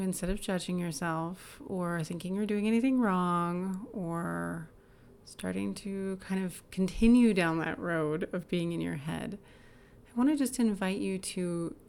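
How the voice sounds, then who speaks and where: A woman leading a guided body-awareness exercise in a calm, gentle, inviting manner, sometimes dropping to a soft whisper. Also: lowish voice, creaky.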